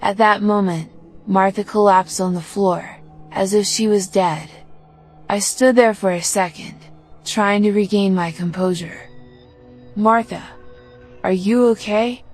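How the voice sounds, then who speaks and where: A woman reading a first-person horror story as scripted narration, in a measured, even delivery. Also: medium pitch, faint music behind.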